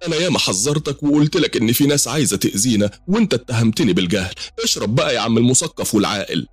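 A shrill, scolding Egyptian mother in a horror storybook, her voice pushed high and sharp, as a male narrator puts her on. The voice is breathy and husky, with a dry, close sound. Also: expressive, rapid-fire, no room sound. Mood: bitter scolding. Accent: Egyptian Arabic. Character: panicked shrill Egyptian mother, middle-aged.

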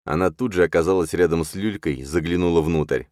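A man narrating a dark fantasy audiobook in a measured, hushed storytelling manner. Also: low voice, no echo, clean studio sound.

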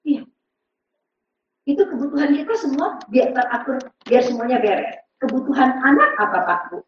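A woman's voice: high-pitched, big pitch swings, moderate pace, slight background noise. A woman giving an interactive parenting seminar, quizzing the audience and acting out parent and child voices. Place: large seminar hall with audience. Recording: very echoey, distant, dull hall recording.

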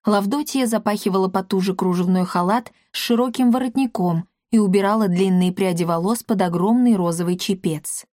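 Female audiobook narrator, lively storytelling, mid-range voice, dry booth sound. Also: medium pitch, a little fast, few pauses, dry recording.

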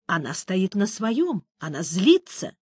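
A woman's voice: medium pitch, very animated, takes it slowly, a little mellow, slightly rough, no room sound, clean studio sound, full character voice. A woman voicing a stern grown male witcher who speaks curtly and insistently. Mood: impatient. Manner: curt, insistent, raised voice.

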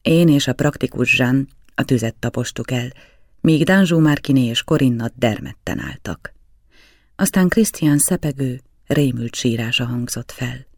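A man reading a novel aloud in measured, even storytelling narration. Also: mid-range voice, creaky, no room sound, clean studio sound. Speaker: audiobook reader.

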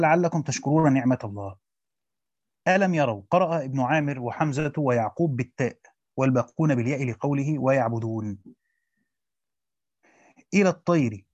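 Reading a classical text aloud at speed, a man pauses for teacherly asides that explain it in plain Egyptian Arabic. His medium-pitched voice is a little mellow, and the dull, dry lo-fi recording has no echo.

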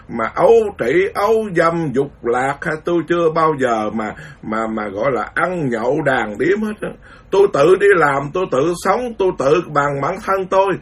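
A Buddhist monk delivers an indignant, repetitive rant during a lecture. His voice is husky and sits a little high. He sounds set back from the microphone, like a radio broadcast. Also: a bit bright, distant mic. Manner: indignant, ranting, repetitive phrasing. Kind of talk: impassioned Dharma lecture.

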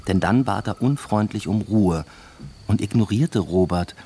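An actor in a radio drama plays a brooding academic father narrating his own story. His lowish, husky voice is dark-toned and a little slow, subdued and pensive, with a music bed underneath.

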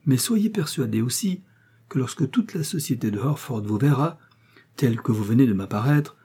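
Lovesick young man, emotional and declaiming, read by a man, warm dark voice, breathy. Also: mid-range voice, lively intonation, normal speed.

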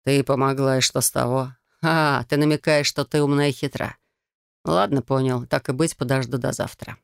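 A reader lowering her voice for a cocky, boastful young suitor. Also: steady tone, moderate pace, gravelly, clear, resonant tone, no room sound, studio quality, close to an everyday voice. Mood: grudging. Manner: smug and boastful. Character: brash, cocky, smug young male suitor. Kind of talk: audiobook character voice.

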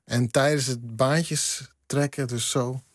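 Frisian man reading his poem slowly. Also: medium pitch, steady tone, dry recording, clean studio sound. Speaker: poet, guest. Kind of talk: poetry reading and interview.

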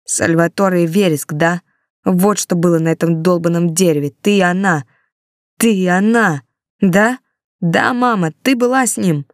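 A woman reading an audiobook, voicing a betrayed teenage son in a high, strained, near-shouting voice. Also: fast, hardly any pauses, no echo, studio quality, lightly acted. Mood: anguished fury.

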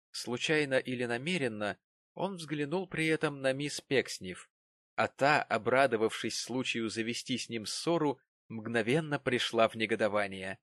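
A man narrating a classic novel as an audiobook reader, in a measured storytelling manner. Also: medium pitch, a bit bright, dry recording.

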